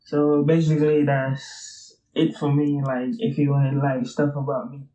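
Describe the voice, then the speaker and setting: A Brooklyn, New York man in his twenties, a streetwear brand founder appearing as a guest, answers interview questions loosely and ramblingly, with plenty of fillers and casual swearing. His mid-range voice is warm but flat, delivered at a measured pace, and the recording is low quality.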